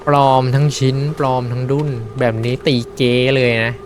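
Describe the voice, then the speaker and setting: A man streaming a horror fishing game, chatting and reacting excitedly as he plays. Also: mid-range voice, moderate pace, background noise. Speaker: gaming streamer. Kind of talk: live game commentary.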